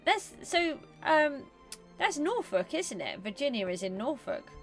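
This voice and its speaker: A British woman from England is livestreaming a building game, chatting casually and thinking out loud with lots of ums. Her voice is high and sing-song with a gravelly edge, and she talks a little slowly while faint music plays behind her.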